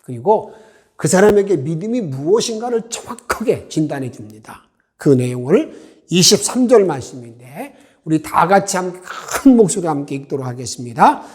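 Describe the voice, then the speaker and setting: Male pastor, earnest sermon to a small group, fairly high voice, asks questions. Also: sing-song, normal speed, a little mellow.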